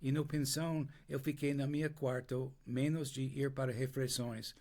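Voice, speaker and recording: An older man from the United States, whose first language is English, speaks Portuguese with an American accent as an interview guest. His medium-pitched voice is dark and level in tone, and he tells his story slowly with frequent restarts and pauses while searching for words.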